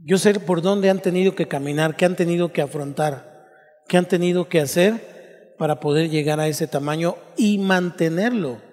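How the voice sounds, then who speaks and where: A man's voice: on the high side, moderate pace, a little mellow, big-room sound. A male pastor teaching a sermon, explaining step by step and asking his listeners rhetorical questions.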